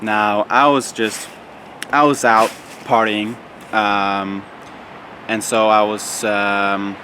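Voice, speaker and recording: A man's voice: on the low side, level tone, slow pace, noisy background. A young man vlogging casually outdoors, rambling with lots of fillers and restarts. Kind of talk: casual vlog monologue.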